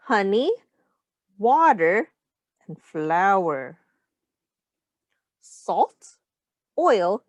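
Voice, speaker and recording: A woman teacher with a medium-pitched, slightly mellow voice reads a picture book aloud for young children, with no room sound. Instructive in manner, she talks to them directly, explaining simple words, pointing out rhymes, and asking questions.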